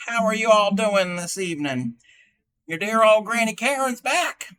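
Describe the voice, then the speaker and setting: A man playing a chatty ninety-year-old grandmother who hosts a livestream, rambling folksily and halting with fillers. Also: sits high, lively intonation, bright, forceful tone, clean tone. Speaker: livestream host showing crochet. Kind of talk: in-character livestream chat.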